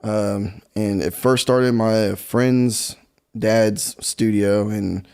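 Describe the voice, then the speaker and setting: Young male guest, low voice, laid-back and rambling, lots of ums. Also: steady tone, very slow, a little mellow, clean tone. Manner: easygoing, rambling, many fillers like um and you know. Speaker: guest musician. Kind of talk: casual interview chat.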